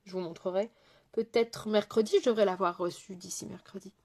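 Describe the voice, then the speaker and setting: A woman makeup artist hosts a live makeup session in a loose, chatty way. She talks to her viewers directly, picks up their comments as she goes, and often trails off or hesitates mid-thought. Her voice sits at an ordinary middle pitch. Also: steady tone, brisk, a little mellow. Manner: frequent fillers and trailing off mid-sentence.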